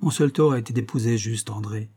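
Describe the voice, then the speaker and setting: A man reading an audiobook, voicing a proud, hot-tempered young actress with a sharp, impatient manner. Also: on the low side, a little fast, husky.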